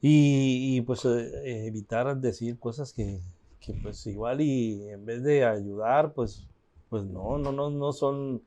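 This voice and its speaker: A man hosts an interview in a mellow, relaxed voice. He hesitates and repeats words as he works out a question. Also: mid-range voice, slow pace. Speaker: interviewer host. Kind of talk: interview talk.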